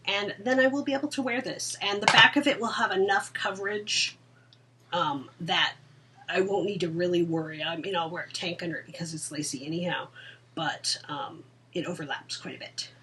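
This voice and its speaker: A woman co-hosting a casual podcast chat, laughing often and dropping into soft asides. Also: fairly low pitch, moderate pace, distant mic, slight background noise. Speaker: podcast co-host. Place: indoor room at home.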